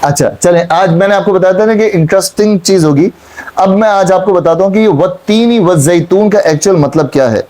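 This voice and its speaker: Male Quran teacher, high mellow voice, questions and repeats. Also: brisk. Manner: questioning students, repeating points. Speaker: Islamic teacher. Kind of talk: Quran class explanation. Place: classroom with students.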